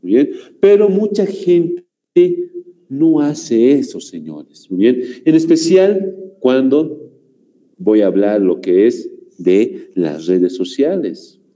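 Slow, dark-voiced Bolivian teacher. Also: male voice, lowish voice, rough recording. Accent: Bolivian Spanish. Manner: repeats "muy bien" and "señores", asks rhetorical questions. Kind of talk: classroom grammar lesson.

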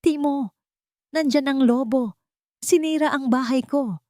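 A woman's voice: fairly low pitch, very animated, normal speed, mellow, dry recording, studio quality, pitched above the performer's own voice. A woman voicing a cheerful, lazy little piglet in a storybook tale. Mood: scared.

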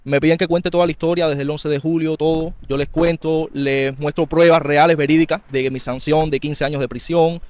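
Fast-talking Cuban man telling his story. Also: fairly high pitch, steady tone, a little mellow. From Cuba. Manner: earnest, quick, tumbling narration with small restarts. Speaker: interviewee, former political prisoner. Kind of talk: recounting a personal story in an interview.

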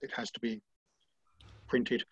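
A man who is a sailing judge, speaking haltingly with many restarts on an online panel call. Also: no room sound. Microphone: video call. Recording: dull lo-fi video call audio.

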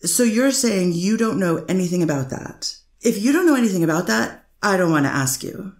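A medium-pitched, natural-sounding female voice, expressive and fairly quick, echoes a little in the room. It belongs to an amateur readers theater performer voicing a persistent woman defense attorney whose cross-examination of a witness is full of fillers.

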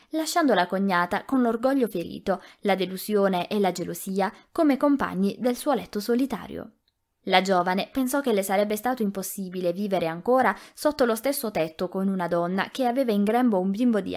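A woman reading a novel aloud as an audiobook narrator, in a measured, expressive way. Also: medium pitch. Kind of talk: scripted narration.

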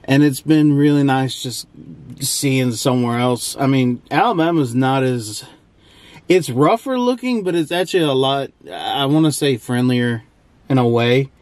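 Speaking a little slowly in a slightly mellow, mid-range voice with no echo, a young man vlogs his travels in a loose, rambling way. He films with a handheld or propped camera from a parked truck cab and outdoor trails, with clear vehicle and outdoor background noise.

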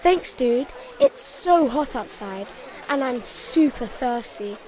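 A woman voicing a cocky, excitable boy hero in a cartoon toy play, full of slangy exclamations. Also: a little high, takes it slowly, a faint crowd, rough recording. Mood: carefree.

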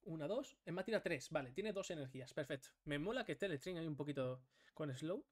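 A man calls out his card game moves as he plays. He cusses freely, makes sound effects and bursts into sudden shouts. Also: a little high, animated, fast talker. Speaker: gaming streamer. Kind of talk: excited game commentary.

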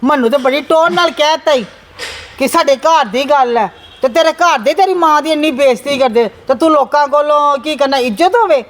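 A woman playing a sharp-tongued aunt in a family skit, lecturing and scolding with quick retorts. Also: high voice, lightly acted. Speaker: aunt Manju scolding the son. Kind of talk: amateur family skit acting. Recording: faint background noise.

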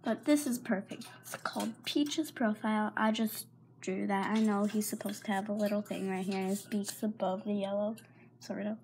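In this clip the teenage vlogger's voice sits at a medium pitch, a little mellow, with a steady tone and normal speed. Hoarse from a sore throat, she rambles, apologizes and half-whispers often in her casual pet vlog, recorded on a handheld phone in a carpeted room at home, with a little hiss or hum.

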